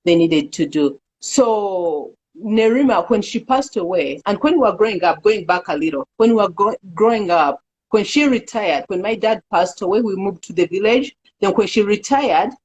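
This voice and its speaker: A middle-aged woman from Uganda, a guest in an interview, speaking earnestly and haltingly with many fillers. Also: medium pitch, lively intonation, darkish tone, dull audio, slight background noise. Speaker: executive director, interview guest. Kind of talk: casual interview talk.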